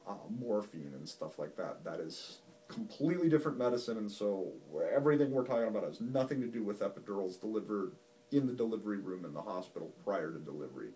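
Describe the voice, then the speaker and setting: Folksy doctor explaining, heard from a distance. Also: male voice, fairly low pitch, darkish tone, slight background noise. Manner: folksy, plain-spoken, patiently explaining. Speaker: physician. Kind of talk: medical explainer talk to camera. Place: doctor's office.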